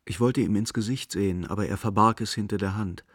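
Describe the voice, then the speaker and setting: A man narrating a radio drama in a slow, measured, melancholic manner. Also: lowish voice, dry recording, clean studio sound, lightly acted. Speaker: narrator and main character.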